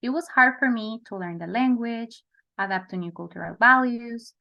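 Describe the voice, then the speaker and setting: A young Salvadoran woman, a therapist being honored, earnestly tells her life story in a close-mic recorded video. Her voice is fairly high and creaky, at normal speed, with lo-fi sound.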